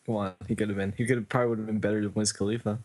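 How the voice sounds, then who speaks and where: A man's voice: fairly low pitch, little pitch movement, racing, darkish tone. A man co-hosting a live podcast, teasing the others with dry quips. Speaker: podcast co-host. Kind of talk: live post-show chat.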